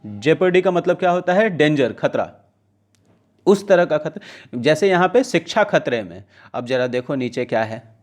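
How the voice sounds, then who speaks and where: A man teaches English vocabulary to exam students, reading news lines slowly and then explaining them conversationally with checking questions. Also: on the high side, animated. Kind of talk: casual classroom-style lesson, mixing Hindi and English.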